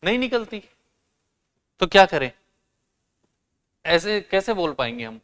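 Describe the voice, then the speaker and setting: A man teaching a class, explaining step by step, asking questions and answering them himself, and sounding out words slowly and carefully. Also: high voice, animated, a bit bright. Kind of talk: classroom lesson.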